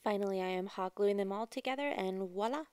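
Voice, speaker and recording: A woman giving a casual, chatty do-it-yourself voice-over as a craft vlogger, with a creaky yet smooth voice. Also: mid-range voice, a little fast, a little mellow, dry recording. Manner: chatty, informal. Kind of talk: casual DIY voice-over narration.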